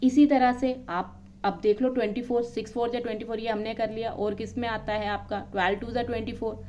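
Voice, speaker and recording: A woman's voice: a little high, steady tone, brisk, darkish tone, a little hiss or hum. A woman maths teacher explaining a lesson, counting items aloud one by one and checking in often with her students.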